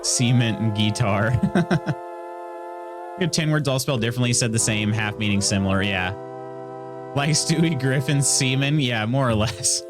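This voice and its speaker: A man with a Midwestern American accent and a touch of Southern streams a game in a medium-pitched voice. He rambles casually and jokes as he reads viewers' comments aloud. Music plays softly behind him. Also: normal speed, long pauses. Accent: American Midwest with some Southern. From Indiana, US Midwest. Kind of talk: casual live gameplay chat.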